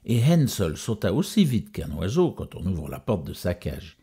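A man telling a fairy tale as a storyteller. His voice is very low, dark and husky. His intonation rises and falls widely. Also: huge pitch swings, moderate pace.

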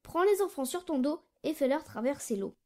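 A small, frightened but brave girl from a fairy tale, voiced by a woman. She speaks in an earnest, pleading tone. Her voice is high and bright, as in a storybook reading. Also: expressive, brisk.

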